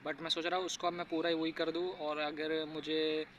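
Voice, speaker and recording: A teenage boy rambling through a casual vlog monologue, pausing and restarting as he thinks aloud. His voice is bright and a little high, yet it stays flat without much rise and fall. A faint hiss of noise sits behind him. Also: muffled recording. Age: teens. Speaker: YouTuber.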